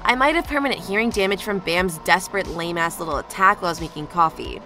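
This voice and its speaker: Woman doing scripted news voiceover, very bright crisp tone, faint music under it. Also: lowish voice, quick pace. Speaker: narrator.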